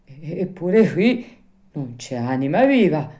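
A grumbling old carpenter mutters to himself in a storybook tale, as a woman reading aloud puts him on. His voice is louder and rougher than the narration, dark and low. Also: animated, measured pace. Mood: fearful. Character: old male carpenter, jovial then frightened.

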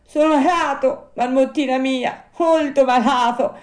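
Storybook: a woman playing a high, wailing wooden puppet boy, tearful and pleading, much higher than her own voice. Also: steady tone, measured pace, darkish tone, roomy sound. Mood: distressed.

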